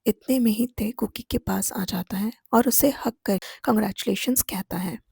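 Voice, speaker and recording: A woman narrating a romantic fan fiction story in a calm, even storytelling manner. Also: medium pitch, normal speed, creaky, breathy edge, dry recording, studio quality.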